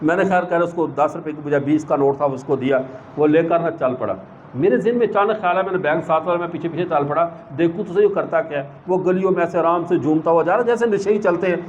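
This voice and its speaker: A man giving a religious talk, telling stories and acting out the people in them. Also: a little high. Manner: animated storyteller who acts out the people in his anecdotes. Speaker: religious speaker. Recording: slightly dull recording with faint background noise.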